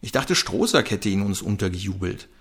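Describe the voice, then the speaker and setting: A man voicing a desperate young man who shouts in panic. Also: lowish voice, sing-song, brisk, husky.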